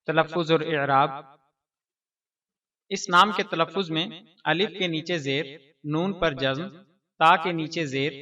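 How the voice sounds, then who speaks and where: A man hosting an informational channel, reading a scripted explainer in a measured way and slowly spelling out pronunciation. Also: on the high side, bright, forceful tone. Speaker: channel host. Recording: distant, dull lo-fi voice-over.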